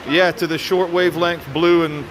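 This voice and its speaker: A man with a slightly high voice chats casually on a family cave visit. He is playful and exclamatory, with clear noise in the background. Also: level tone, normal speed. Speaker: father visiting on a tour. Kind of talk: casual chat on an outing. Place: inside a show cave.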